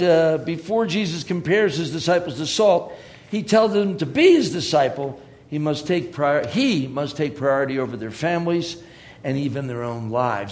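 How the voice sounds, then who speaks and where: A man preaching a sermon in a conversational way, with joking asides. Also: on the high side.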